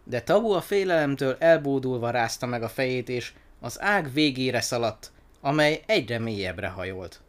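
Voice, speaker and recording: A man narrating a children's story aloud in an expressive, animated reading. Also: mid-range voice.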